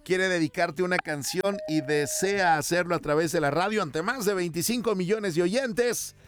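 This Mexican radio host speaks in a high-pitched voice at a normal speed from the studio, with music playing behind him. He runs a call-in show and treats his callers in a playful, teasing, affectionate way.

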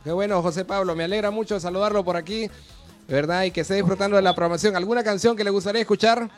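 High-voiced Honduran radio host. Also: male voice, steady tone, racing, soft background music. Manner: friendly, chatty, greets callers warmly. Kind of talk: live radio call-in chat.

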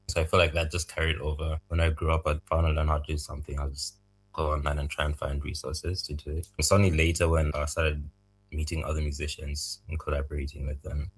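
A young man from Zambia, raised in Malawi, answering interview questions about making music in a soft, thoughtful, halting way. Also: a bass voice, breathy edge, rough recording. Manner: soft-spoken, thoughtful, halting, laughs lightly. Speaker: music producer, guest.

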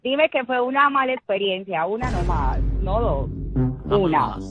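A woman's voice: mid-range voice, big pitch swings, measured pace, muffled recording, loud music behind the voice. A woman from Cali with a Colombian accent, calling a radio show and speaking emphatically with local slang. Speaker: caller.

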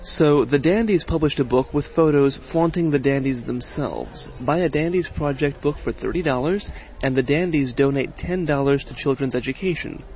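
A male reporter narrates a radio feature in a wry, easygoing way. His voice has a gravelly edge. The audio is dull and lo-fi, with faint music underneath. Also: fairly high pitch, normal speed.

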